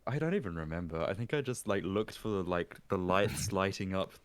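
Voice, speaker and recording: A man chatting on a call about racing, halting and hesitant with many fillers. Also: deep voice, lively intonation, clean tone, no room sound. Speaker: fellow sim racer. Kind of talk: casual chat on a voice call.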